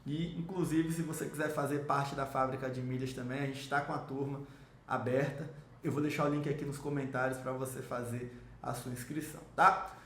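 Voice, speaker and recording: A miles and travel rewards coach from Salvador, Brazil, gives an enthusiastic, salesy promotional explainer, speaking directly to the viewer. His steady voice is a little fast and a bit bright, with some hiss or hum and a roomy echo.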